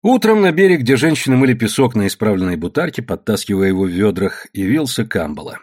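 A man's voice: fairly low pitch, very animated, fast talker, a little mellow. A man narrating an audiobook in a dramatic storytelling manner.

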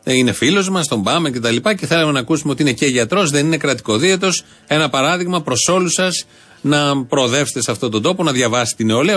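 A man's voice: medium pitch, fairly bright tone. A man hosting a satirical radio show and giving mock-earnest, preachy commentary on a clip.

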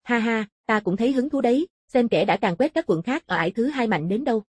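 A woman's voice: fairly high pitch, animated, brisk, husky, no room sound, clean studio sound. A woman voicing arrogant, menacing rival martial-arts fighters in an audiobook, with a haughty, taunting manner. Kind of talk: audiobook character dialogue.

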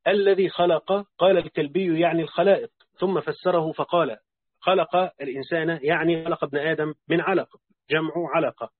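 Fast-reading man, tinny dry recording. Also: on the high side, no echo. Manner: steady formal recitation-like reading with occasional self-corrections. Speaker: audiobook reader. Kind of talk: reading a classical Quran commentary aloud. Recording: dry phone-like narrow sound.

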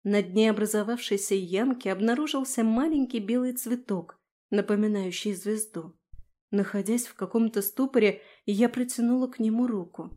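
A woman narrating a first-person fantasy audiobook in an expressive, storytelling manner. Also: medium pitch, moderate pace.

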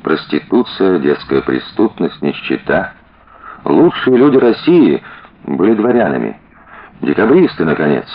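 A man's voice: low voice, big pitch swings, a little slow, husky, heavily acted. A man playing an earnest young detective. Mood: tender. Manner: earnest, fervent, plain-spoken. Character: earnest young male detective, devoted and tender. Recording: dull lo-fi audiobook recording.

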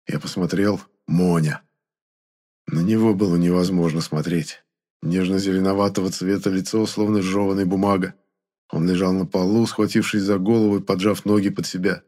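Guy reading an audiobook in first person, lowish voice, wry and chatty. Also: little pitch movement, moderate pace, mellow. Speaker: audiobook narrator.

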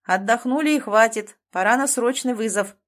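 A woman's voice: fairly high pitch, expressive, moderate pace, close to an everyday voice. Terse male rescue commander, dry clipped orders, audiobook, woman narrating. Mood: urgent.

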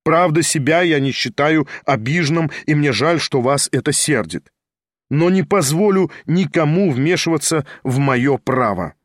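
A man's voice: fairly high pitch, animated, measured pace, dry recording, clean studio sound. A man voicing a composed aristocrat at a duel, firm and impatient. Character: cold, composed male aristocrat dueling.

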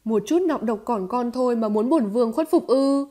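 Proud female serpent queen, read by a woman, haughty, defiant, hard, loud, mellow tone, storybook novel. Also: fairly high pitch, normal speed, close to an everyday voice.

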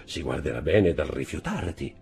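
A man reading an audiobook, voicing a coarse, nosy middle-aged neighbor who teases and pries loudly. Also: extremely low pitch, very animated, moderate pace, vocal fry, breathy edge, soft background music, exaggerated voice. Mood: teasing. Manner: loud, teasing and prying.

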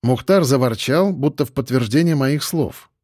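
A man narrating a story in the first person, at a steady, measured pace. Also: medium pitch, dry recording, studio quality. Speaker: audiobook narrator.

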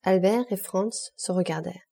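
A woman narrating a classic novel as an audiobook reader, with clear, even delivery. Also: medium pitch, moderate pace.

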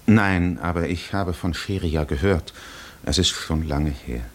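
In a 1950s German radio drama, a male actor with a low voice plays a weary, worldly castaway hero who wanders. The character is middle-aged and gently teasing, and the delivery is measured and musing.

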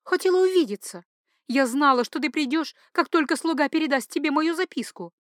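A woman voicing a passionate young duchess who pleads, weeps and schemes, in a high, breathless voice. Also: a little fast, a bit bright, no room sound, clean studio sound. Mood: desperate pleading.

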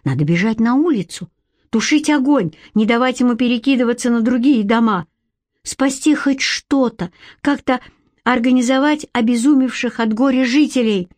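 A woman reading a story aloud as audiobook narration, at a slow, measured pace. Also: fairly high pitch, a little mellow, no room sound. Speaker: audiobook reader.

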